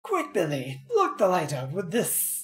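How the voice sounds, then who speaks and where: A woman's voice: fairly low pitch, wildly swooping pitch, measured pace. A woman voicing a blustering, commanding pirate from a video game who guards the captain's cabin. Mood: alarmed. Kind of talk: reading video game dialogue in character.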